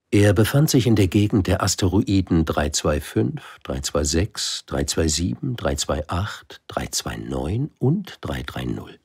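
A man narrating a storybook aloud in a measured, unhurried way. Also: low voice, creaky, a little mellow, husky. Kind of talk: audiobook narration.

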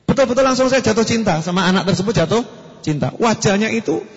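A male preacher giving a sermon, lively, moving between soft and emphatic delivery. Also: sits high, quick pace. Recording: echoey hall, dull lo-fi sound.

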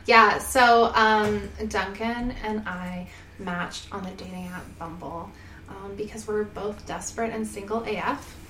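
A woman's voice: mid-range voice, steady tone, measured pace, fairly bright tone. A young woman chatting casually as a podcast guest, with a bubbly, sorority-girl Valley Girl way of talking. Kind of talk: casual chat. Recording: echoey room, faint background noise.

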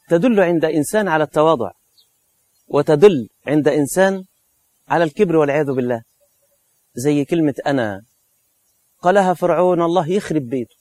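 A man's voice: fairly high pitch, a little mellow, no room sound. A man with an Egyptian accent preaching a colloquial sermon, emphatic and scolding, firing rhetorical questions. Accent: Egyptian Arabic.

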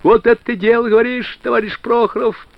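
A man voicing an excitable old Siberian village man who talks in rustic, folksy speech and shouts his words out. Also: on the high side, brisk, no echo, pitched above the performer's own voice. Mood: overjoyed. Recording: dry, slightly dull studio reading.

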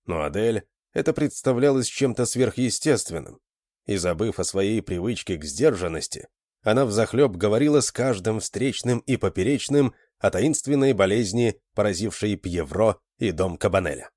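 Guy reading an audiobook, lowish voice, lots of pitch movement. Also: moderate pace, dry recording, studio quality. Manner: lively expressive storytelling. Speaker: narrator.

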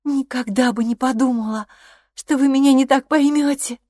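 An excitable, naive young woman voiced by a female reader gushes breathlessly in a high, bright voice, recorded dry and close to the microphone. Her lines tumble out eagerly, as if in an audiobook performance. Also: normal speed, dry recording. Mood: fervent.

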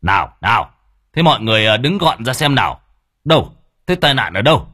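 Man as curt older village headman, lively pitch, barks orders. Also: a little fast, slightly rough, no echo, studio quality, heavily acted. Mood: commanding. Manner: blunt, irritated questioning. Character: gruff older male village chief, short-tempered.

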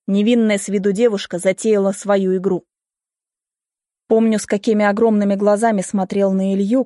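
A woman reading a first-person story aloud in a steady, emotive way. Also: medium pitch, no room sound, clean studio sound. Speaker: audiobook reader. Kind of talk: scripted first-person narration.

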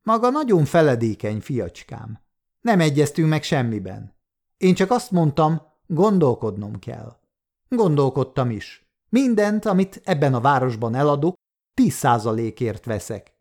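Sly, greedy shopkeeper fence, probing, lively pitch, man reading.

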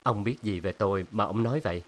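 A man's voice: lowish voice, fast, natural voice. A man reading the lines of a moody, sardonic young painter in a storybook, speaking tersely.

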